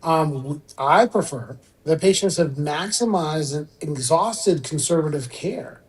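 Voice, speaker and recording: Iranian-born man explaining, a bit high-pitched. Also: a little slow, rough recording. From Iran. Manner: relaxed, explanatory, occasional fillers. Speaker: spine surgeon guest. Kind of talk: radio interview.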